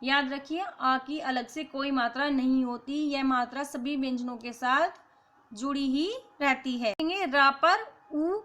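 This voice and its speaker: A woman teacher giving a grammar lesson to children, explaining slowly and sounding out letters one by one. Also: sits high, steady tone, a bit bright. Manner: slow, deliberate explanation, spelling out sounds one by one. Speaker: school teacher.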